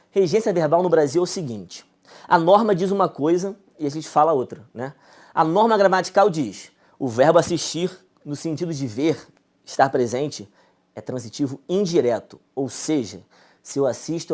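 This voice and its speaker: A man's voice: a little high, darkish tone. Young Brazilian man, easygoing teacher voice, keeps checking in with students. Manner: casual, chummy, asks "beleza?" often. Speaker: Portuguese teacher. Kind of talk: live online grammar lesson.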